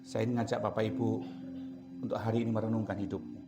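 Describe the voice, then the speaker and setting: Animated male pastor preaching. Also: lowish voice, quick pace, over music. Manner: animated preaching that swings between loud emphasis and hushed asides; chatty, addresses listeners directly. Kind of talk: sermon. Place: church service with a congregation present.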